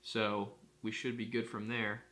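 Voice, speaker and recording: A man who runs a marketing agency, talking casually to camera in a vlog and thinking out loud with frequent restarts. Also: fairly low pitch, level tone, unhurried. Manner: rambling, thinking aloud with restarts. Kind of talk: casual day-in-the-life vlog.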